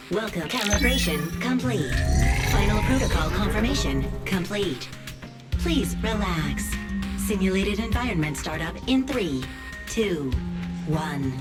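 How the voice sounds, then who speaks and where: Synthetic computer voice booting up, super slow and even, mid-pitched, loud game music behind. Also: female voice. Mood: system status. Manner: slow, flat, measured announcements. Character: calm female computer system voice, booting up.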